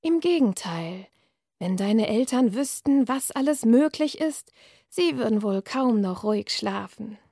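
A woman reading from her novel, voicing a sly, sinister night creature in a slow, coaxing, half-whispered hiss. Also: on the high side, animated, dark tone, no room sound, clean studio sound. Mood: menacing.

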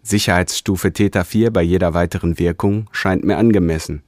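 A man voicing a formal alien expedition leader who gives clipped orders in a raised, louder voice. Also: deep voice, fairly even intonation, normal speed, no echo, studio quality, close to an everyday voice. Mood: commanding.

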